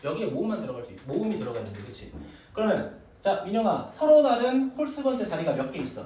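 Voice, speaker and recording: A man's voice: high-pitched, sing-song, quick pace, mellow. A man teaching a math class, joking and teasing his students as he explains. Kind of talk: classroom lecture. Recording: echoey room, recorded from a distance with noise.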